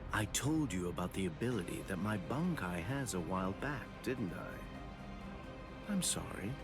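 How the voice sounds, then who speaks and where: A sly smirky swordsman traitor, low voice that swoops around a lot, loud music under it. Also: expressive, measured pace. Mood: mocking. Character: sly scheming male swordsman, turncoat captain. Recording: game audio with loud music.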